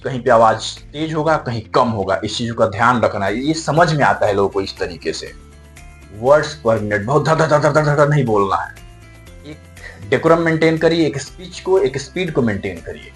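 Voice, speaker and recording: A man giving a video lesson on communication, explaining point by point with emphasis and mixing in English terms. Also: medium pitch. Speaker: communication skills trainer. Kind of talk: lecture-style video lesson. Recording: faint background music.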